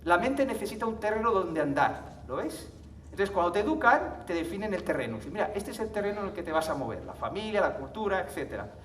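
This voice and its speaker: Speaking fast in a high, sing-song voice that's a bit bright, this man is delivering a conference talk live before an audience. He chats easily, laughs often, and tosses in frequent tag questions to check in. Picked up from a distance in an echoey hall, the recording carries slight background noise.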